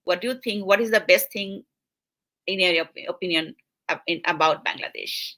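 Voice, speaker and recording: Woman moderator, bright tone, hesitant delivery full of fillers. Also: on the low side, moderate pace. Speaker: host. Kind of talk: hosting an online panel.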